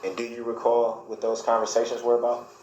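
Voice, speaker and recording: A man questioning a witness in a courtroom cross examination, speaking formally and haltingly. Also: medium pitch, completely flat delivery, darkish tone. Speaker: defendant questioning a witness as his own lawyer. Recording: echoey courtroom with faint noise.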